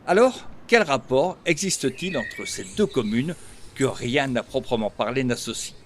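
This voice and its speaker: Man, news voice-over, measured reading, middle pitch, faint background noise. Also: expressive. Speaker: voice-over reporter. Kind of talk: scripted news narration.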